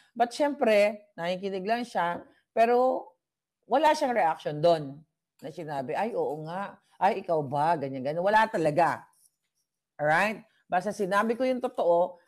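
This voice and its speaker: Chatty woman vlogger, low voice. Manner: animated and chatty, mixing in English; laughs often between lines. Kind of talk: casual gossip storytelling.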